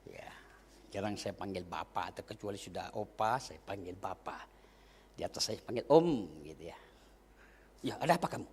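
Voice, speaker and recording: A man from Aceh preaching a sermon as a pastor, telling a personal story with deep feeling, going from hushed to shouting and addressing the congregation directly. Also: expressive, moderate pace, slightly rough. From Aceh, Indonesia.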